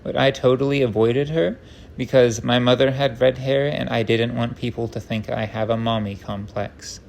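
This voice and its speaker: A man's voice: medium pitch, fairly even intonation, moderate pace, gravelly, darkish tone, slight background noise. A man rambling through an unscripted, tangent-prone rant, stopping and restarting himself, with wry self-deprecating humor.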